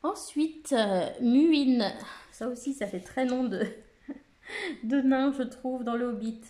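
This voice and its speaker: A woman's voice: high voice, slow, dark tone. A woman casually presenting an oracle card deck, reading out lists of keywords with frequent hesitations and fillers.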